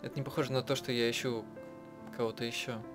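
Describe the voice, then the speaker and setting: A player with a mid-range, steady voice reads a visual novel aloud in his own translation, adding offhand comments. He keeps stopping to rephrase midway through sentences, with the game's music in the background.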